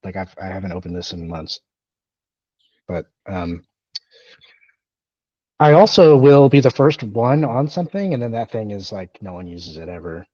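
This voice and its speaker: A man's voice: lowish voice, very animated, moderate pace, pauses often, warm tone, dry recording. Rambling man in his thirties, dry lo-fi mic. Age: 30s. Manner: rambling, self-deprecating, many fillers and restarts. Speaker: podcast co-host. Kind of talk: casual chat.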